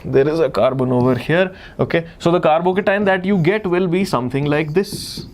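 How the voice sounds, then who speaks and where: Male online tutor, North Indian accent, slightly high pitch, explains step by step with emphatic repetition. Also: brisk, a little mellow. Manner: emphatic, repeats key phrases and questions; switches between English and Hindi. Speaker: chemistry teacher. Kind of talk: live online exam lesson, explaining step by step.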